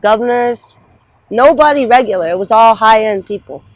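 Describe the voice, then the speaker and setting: A woman's voice: fairly high pitch, moderate pace, poor audio. Blunt streetwise woman in her twenties. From Trinidad. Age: 20s. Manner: blunt and streetwise, swears freely. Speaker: interviewee on the street. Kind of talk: candid street interview. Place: outdoors on a city street.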